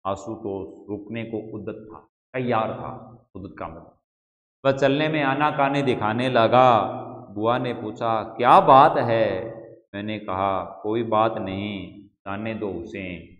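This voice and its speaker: A male Hindi teacher with a Rajasthani accent, reading a story aloud to his class and stopping to explain words to the students. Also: on the low side. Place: school classroom. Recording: echoey classroom, dull lo-fi sound.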